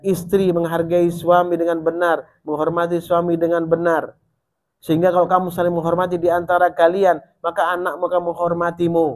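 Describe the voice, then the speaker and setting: Male preacher, high-pitched, swings between ringing exhortation and quiet warning. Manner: rises in pitch and volume when urging, drops low and soft when warning. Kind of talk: sermon.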